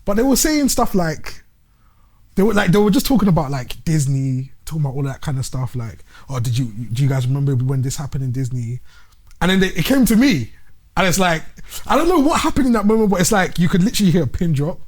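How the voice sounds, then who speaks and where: A young man hosting a podcast, talking openly and emotionally, lively when he tells stories. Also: high voice, fast. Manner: open, emotional, animated when telling stories. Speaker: podcast host. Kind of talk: casual interview talk.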